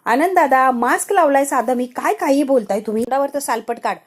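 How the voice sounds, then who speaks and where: A sulky, vain young woman from a TV serial recap answers back in a whiny, defensive way, voiced by the female narrator. The voice sits fairly high. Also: fairly quick.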